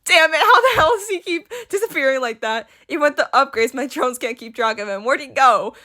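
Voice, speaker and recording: A smug, scheming male supervillain, read aloud by a woman with a fairly high voice, taunting his prey and then snapping in exasperation. His delivery is theatrical and mocking throughout. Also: brisk, bright, forceful tone. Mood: exasperated. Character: smug scheming male villain commanding drones.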